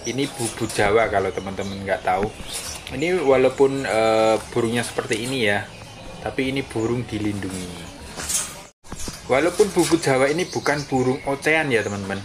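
A man's voice: medium pitch, moderate pace. A man, chatting casually as a bird-keeping vlogger and explaining while he films outdoors with a phone. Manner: friendly, chatty, keeps saying "friends" with a dropping tail. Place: outdoors by bird cages on paving. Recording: phone audio with clear background noise.

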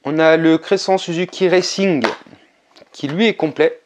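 A man with a slightly high voice talks through a casual vlog in a relaxed, chatty way, pausing to hesitate now and then. A faint hiss of noise sits under the recording. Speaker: video game collector vlogger.

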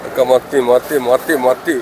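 A man's voice: medium pitch, fairly even intonation, normal speed. A man with a Kozhikode Malayalam accent giving casual, repetitive running commentary for a video and calling out to workers. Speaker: vlogger at a fishing harbour. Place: busy outdoor fishing harbour. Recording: noisy outdoor recording with vehicles. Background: harbour and vehicle noise.

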